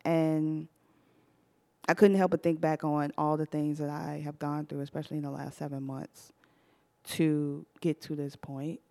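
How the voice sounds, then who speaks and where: Low-voiced woman telling a story, laughing. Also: unhurried, creaky. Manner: animated, laughs often while telling the story. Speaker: podcast host. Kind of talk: casual storytelling to a live audience.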